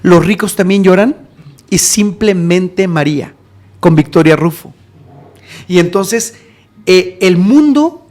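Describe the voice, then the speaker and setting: A man from Mexico with a Mexican accent, an evangelist guest telling stories in lively conversation and acting out the people in them. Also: high-pitched. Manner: animated, acts out the people in his stories. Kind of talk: conversational storytelling.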